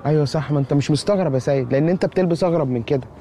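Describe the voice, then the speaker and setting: A man's voice: on the high side, very fast, warm tone, a little hiss or hum, lightly acted. An actor with an Egyptian accent playing a sarcastic, bossy young man in a comedy series.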